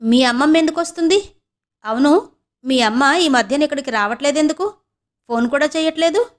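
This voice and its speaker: A woman voicing a demanding middle-aged uncle who barks curt, loud orders and questions. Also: high-pitched, brisk, voice pushed up, close to an everyday voice. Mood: gruff.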